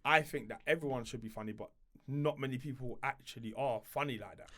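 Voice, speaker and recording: A man's voice: medium pitch, fairly quick, a bit bright. A man with a London roadman accent, a guest chatting and bantering casually in street slang. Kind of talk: casual chat show banter.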